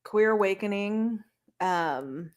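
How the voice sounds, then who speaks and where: A woman's voice: medium pitch, animated, slow pace. A woman co-hosting a podcast in casual chat, blunt and irreverent, laughing often. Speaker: podcast co-host.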